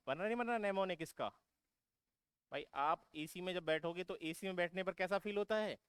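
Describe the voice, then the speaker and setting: Calling his students "beta", a man keeps asking them questions and supplying the answers himself during a repetitive vocabulary drill for exam preparation. His voice is on the high side, a bit bright and clean in tone, with no echo.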